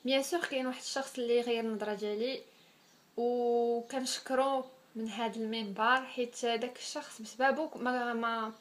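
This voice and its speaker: A woman's voice: on the high side, steady tone, a little fast. A woman in her twenties with a Moroccan accent, chatting casually as a vlogger answering viewers' questions and slipping French words into her speech. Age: 20s. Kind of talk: casual Q&A vlog.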